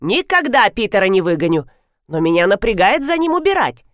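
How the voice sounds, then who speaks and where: A woman's voice: medium pitch, big pitch swings, brisk, no echo, clean studio sound, close to an everyday voice. A woman voicing a blunt middle-aged man in the audience, complaining plainly, in an audiobook reading. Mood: grumbling.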